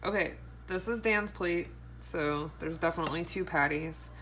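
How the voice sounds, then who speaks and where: A woman in her thirties, a vlogger hosting her own video, chats and tells stories to the camera in a casual, playful, giggly way. Her voice is on the low side at a moderate pace. She records on a phone held at arm's length in her home kitchen, with faint background noise.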